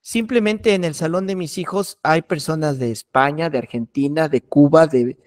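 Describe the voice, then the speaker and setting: High-voiced pastor lecturing. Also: male voice, normal speed. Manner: earnest, repeats key warnings for emphasis. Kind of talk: preaching workshop lecture.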